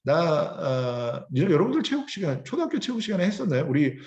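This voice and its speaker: A middle-aged man teaching a poem in a lively lecture, acting out sneering laughs and scolding voices. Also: fairly high pitch, fairly quick. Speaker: literature teacher. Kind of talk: poetry lecture. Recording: dull lo-fi recording.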